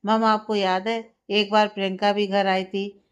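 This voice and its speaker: A woman's voice: mid-range voice, little pitch movement, a little slow, clean tone, lightly acted. A woman voicing a cheerful young man who talks in a light, joking way.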